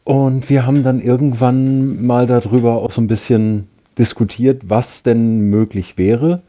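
Male radio-show caller on a phone line: dark, mellow tone, hesitant, fumbles for words. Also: mid-range voice, level tone, measured pace. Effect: call-in voice over a phone line. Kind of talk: call-in chat on a live show.

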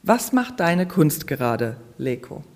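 A podcast host who reads a scripted introduction and then asks calm interview questions in an artist's studio, with an occasional filler sound. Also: medium pitch, slow.

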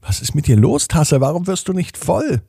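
Storybook boy: young, nervous questions, pitched up, a man acting him. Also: very animated, moderate pace, gravelly, mellow, breathy edge, no room sound, studio quality, heavily acted. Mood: puzzled. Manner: asking, slightly nervous. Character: young schoolboy, nervous but curious.

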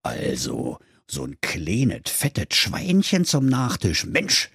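A man voicing a gruff, hungry male wolf in a comic audio fairy tale. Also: sits low, wildly swooping pitch, slow, a bit bright, dry recording, studio quality, heavily acted. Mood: greedy.

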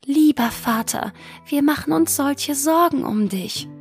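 A woman voicing a gentle, worried young daughter in a storybook reading, speaking softly and pleadingly. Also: high voice, animated, a little slow, faint music behind, voice pushed up. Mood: gentle concern. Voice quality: soft, pleading.

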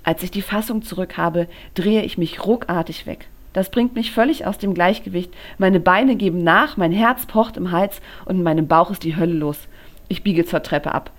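A woman author reading her own novel aloud in the first person, with an expressive, dramatic delivery. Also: on the low side, normal speed.

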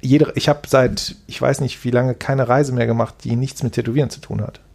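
Gravelly man in his forties chatting. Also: medium pitch, fairly even intonation, a little fast, a little mellow. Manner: laid-back, rambling, tags sentences with "ne?" and swears casually. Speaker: tattoo artist guest. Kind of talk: casual interview chat. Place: his tattoo shop.

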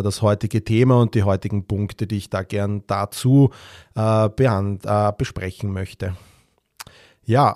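A man hosting a solo physiotherapy podcast, talking in halting sentences full of fillers and restarts. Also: lowish voice, dark tone, no room sound, studio quality. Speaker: sports physiotherapist podcast host.

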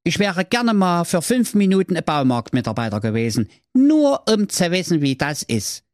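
A man's voice: high voice, big pitch swings, normal speed, no echo, studio quality, voice pushed up. A man voicing a brash, greedy young brother in a raised, crude comic voice. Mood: wistful.

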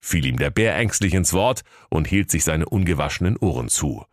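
A man narrating a comic fairy tale for children in a mock-solemn, lively storytelling manner. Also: low voice, moderate pace, dry recording, clean studio sound.

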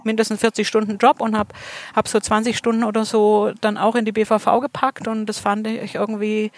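Brisk and flat, at mid-range pitch with no room sound, this middle-aged woman from southern Germany is a state politician being interviewed casually outdoors in a garden allotment. She's talkative, laughs easily, and fills her speech with fillers and restarts.

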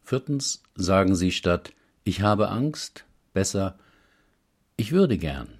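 A man calmly reading a self-help text aloud in a measured, explaining manner. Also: low voice.

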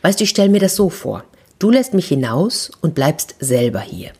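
A woman's voice: low-pitched, normal speed, a little mellow, breathy edge. A woman voicing a lonely caged mare who longs for freedom, in a storybook reading. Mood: excited. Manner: wistful, then eagerly conspiratorial. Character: lonely caged female horse, yearning for freedom.

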